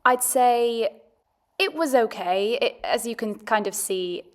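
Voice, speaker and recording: A woman's voice: on the high side, takes it slowly. A woman giving a casual, chatty, understated voice-over review as a food and travel vlogger.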